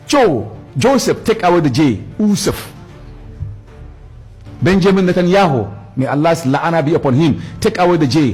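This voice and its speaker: A middle-aged man speaks to a gathering in an animated storytelling lecture, his pitch sitting slightly high and leaping up and down. His voice has a husky edge, and he repeats words over and over for emphasis. Faint music sits behind him. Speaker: Islamic speaker.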